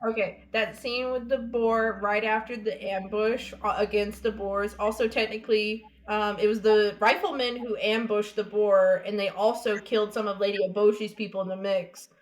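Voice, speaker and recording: A woman's voice: mid-range voice, moderate pace, few pauses, low-quality recording. Laid-back young woman talking slang. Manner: relaxed, slangy, quotes characters. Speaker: podcast co-host. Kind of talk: casual chat about a film.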